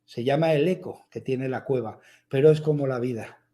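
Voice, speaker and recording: A man telling of a patient, gentle father. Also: medium pitch, moderate pace, natural voice. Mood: gentle teaching. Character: patient father teaching his young son.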